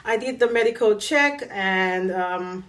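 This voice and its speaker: A woman vlogger tells a personal story straight to camera in a relaxed, chatty way. Her voice sits at an ordinary middle pitch, and she laughs often as she acts out what people said to her. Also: unhurried, far from the mic.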